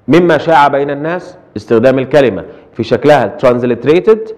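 A middle-aged man with an Egyptian accent giving a translation lecture, asking rhetorical questions and dropping English terms into his Arabic. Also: medium pitch. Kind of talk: recorded lecture.

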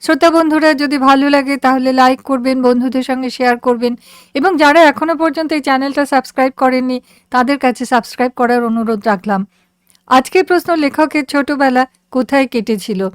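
A woman storyteller reading a humorous literary story aloud in a measured, gently wry way, close to the mic. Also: sits high, no echo.

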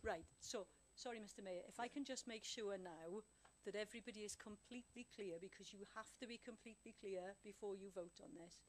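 A woman council officer explaining the voting procedure clearly and deliberately, checking that everyone understands, on a desk microphone in a council chamber. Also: medium pitch, a little hiss or hum. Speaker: council officer advising members.

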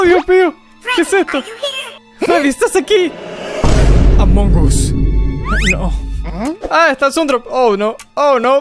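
A woman giving excitable casual commentary while reacting to animation clips. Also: high voice. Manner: excitable, exclaiming and laughing at clips. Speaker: reaction video host. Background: loud music from the video.

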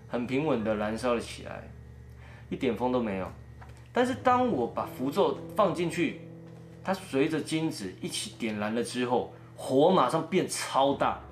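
A man narrating a first-person ghost story and acting out every quoted voice. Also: medium pitch. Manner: animated, acts out every quoted voice.

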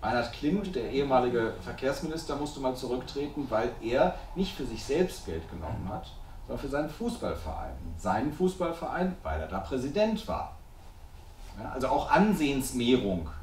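A man in his forties with a Cologne accent talks to a small audience in an animated, emphatic, explanatory way. His voice sits at a medium pitch and is picked up from a distance, so the small room sounds roomy, with faint background noise. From Germany. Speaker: guest speaker, journalism researcher. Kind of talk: discussion talk before a small audience. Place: small salon room, indoors.

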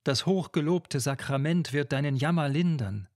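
A man's voice: fairly high pitch, normal speed, a little mellow, lightly acted. A man voicing a pious old mother who pleads and prays with her daughter in a classic ballad reading. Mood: urging. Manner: imploring, praying.

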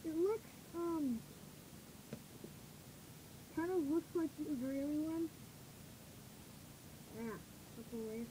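A woman's voice: sits high, slow, long pauses, background noise. A woman talking through a gas mask, reviewing it in a rambling, hesitant way with many ums. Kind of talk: casual product review.

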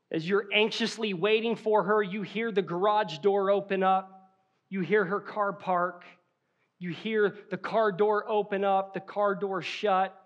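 A man's voice: sits high, a bit bright. A man preaching a sermon as pastor, telling vivid stories and acting out quoted lines in a church. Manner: storytelling, acting out scenes with quoted voices. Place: church sanctuary.

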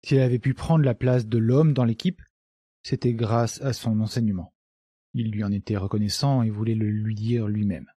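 A male narrator voicing an old village man recalling a past death in a slow, grave way. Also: on the low side, fairly even intonation, dark tone, slightly rough, no echo. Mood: reminiscing. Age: older. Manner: slow, reminiscing storyteller.

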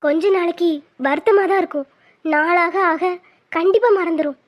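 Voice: very high-pitched, moderate pace. A performer voicing a caring young woman who comforts and advises her grieving relative. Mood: soothing. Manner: soothing, advising. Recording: dull lo-fi sound.

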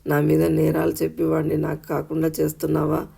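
A man voicing a stern, angry father in an audio story, read in a flat, gravelly storyteller voice. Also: fairly high pitch, a little fast, heavily acted. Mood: scornful. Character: stern middle-aged father, angry and scornful.

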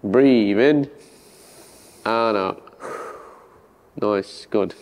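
Mellow young male coach in an echoey space. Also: fairly low pitch, drawn-out words, a little hiss or hum. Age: young adult. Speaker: rehab therapist, coach. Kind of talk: hands-on instruction with casual chat. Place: large hard-floored gym, indoors. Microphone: clip-on lapel mic. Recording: reverberant hall-like room.

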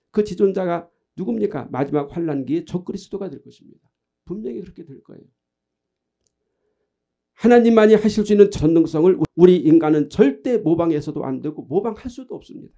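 A man's voice: high voice, warm tone. A man preaching a sermon as pastor, asking the congregation questions and answering them himself.

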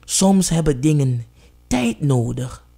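Slow dramatic story reading, lingers on every phrase, voice sinks low and quiet for suspense. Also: sing-song, creaky, breathy edge. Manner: dramatic, drops low and soft at tense moments.

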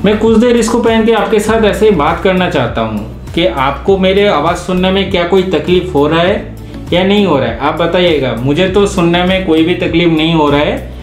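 High-voiced man talking through cloth mask. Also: moderate pace, roomy sound, faint music behind. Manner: explains step by step, addresses viewers directly. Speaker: product reviewer. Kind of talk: casual product review vlog.

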